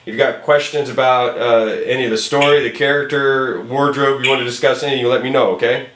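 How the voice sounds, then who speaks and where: Over a noisy background and roomy echo, a man speaks fast in a medium pitch with fairly even intonation. As a film director casting an actor, he keeps it casual and encouraging, talking on the phone and to viewers.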